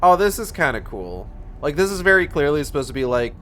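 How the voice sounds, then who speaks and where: A man's voice: fairly high pitch, very animated, quick pace, sharp tone, slight background noise. A man giving sarcastic, sweary running commentary on a game. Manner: sardonic, sweary. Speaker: game streamer.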